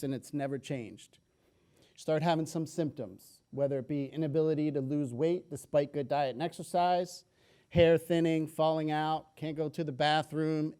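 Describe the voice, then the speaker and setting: A man giving a public talk to an audience, telling stories with jokes in an energetic way. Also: on the high side, smooth. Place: lecture hall.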